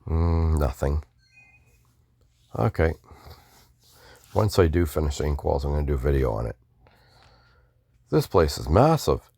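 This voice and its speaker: Deep creaky guy chatting over a game, loose and mumbly, voice jumps around. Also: lively intonation, a little slow, pauses often, warm tone, no echo. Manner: mumbly, offhand, with restarts and asides. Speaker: gamer doing a playthrough. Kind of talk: casual gameplay commentary.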